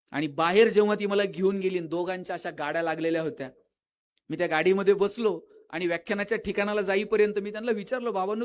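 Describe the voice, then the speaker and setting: A man giving a lively motivational lecture at a school event, telling funny stories and acting out the characters' lines. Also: high-pitched. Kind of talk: public lecture with storytelling.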